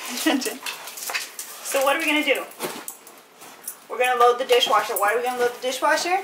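A woman's voice: high-pitched, normal speed, fairly bright tone, echoey room, recorded from a distance. A young woman vlogger talking to her dogs in playful, mock-earnest coaxing, with noisy room sound. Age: young adult. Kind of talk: playful chat to pet dogs. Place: living room at home.

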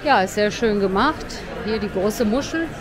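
This woman vlogger sounds animated, talking at a normal speed in a mid-range voice as she leads a casual walk down a seaside promenade and points things out. Crowd noise fills the background.

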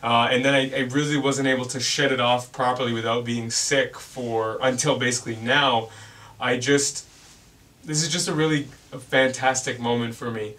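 Young guy rambling earnestly to camera, bright voice, mic kinda far off. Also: mid-range voice, steady tone, moderate pace. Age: young adult. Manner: rambling, earnest, many fillers and restarts. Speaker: vlogger. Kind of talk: casual reflective vlog.

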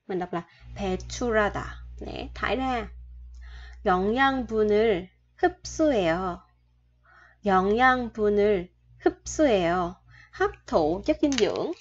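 A woman's voice: mid-range voice, animated, a little fast. A Vietnamese-speaking woman teaching Korean vocabulary and grammar, patiently repeating each word and asking her viewers questions. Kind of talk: explaining vocabulary and grammar to learners. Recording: dull lo-fi sound.

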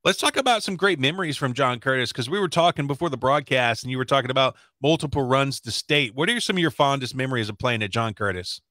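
A man's voice: mid-range voice, expressive, fast talker, few pauses, bright, forceful tone, no echo. A man in his forties hosting a casual sports interview in an upbeat, emphatic way, close on the microphone. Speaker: sports show host, interviewer. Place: indoors, streaming setup.

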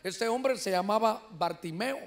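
High-voiced Honduran pastor preaching. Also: male voice, unhurried. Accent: Honduran Spanish. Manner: animated preaching, often addressing listeners as "hermano"; shouts when voicing quoted cries. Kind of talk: sermon. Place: church sanctuary.

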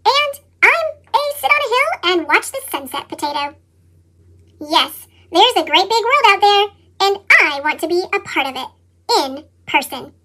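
A storybook reading told by a cheerful couch potato, with a sped-up, high-pitched chipmunk voice effect and a bouncy, expressive delivery full of playful sound effects. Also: moderate pace. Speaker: storybook narrator. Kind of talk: read-aloud picture book narration.

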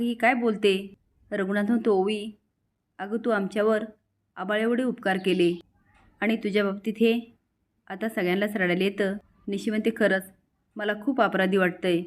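A woman narrating a recap of a television serial episode, voicing the characters' lines with light emotion. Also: medium pitch. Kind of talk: storytelling recap with quoted dialogue.

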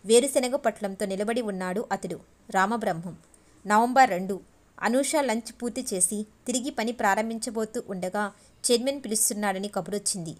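A woman narrating a novel as an audiobook, in steady, measured storytelling. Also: medium pitch. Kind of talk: novel reading.

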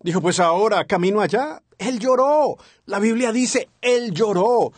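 A man's voice: high voice, a little slow, dry recording. A man dubbing a sermon as an interpreter, earnest and following the preacher's rhythm, on a close studio mic. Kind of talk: dubbed sermon translation.

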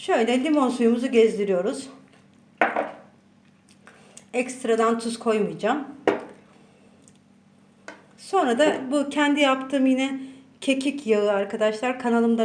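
A woman's voice: on the high side, darkish tone. Chatty woman in a roomy kitchen. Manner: chatty, addresses viewers as friends. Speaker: cooking channel host. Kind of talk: casual cooking tutorial. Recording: roomy echo, faint background noise.

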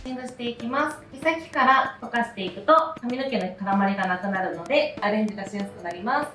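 A woman talks through a hairstyle one step at a time in a plain, even voice, pitched a little high. She sounds set back from the mic in an echoey room. Soft music plays underneath. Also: fast talker, recorded from a distance. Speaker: hair tutorial narrator. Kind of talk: calm step-by-step voice-over instruction.

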